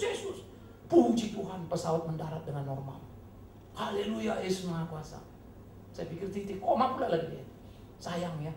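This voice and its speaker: A man preaches a sermon in a church hall, animated and mocking, jumping from loud bursts to low, earnest tones. His voice rings around the room with a roomy echo. A faint murmur of ambience sits underneath. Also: gravelly, slight background noise. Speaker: pastor.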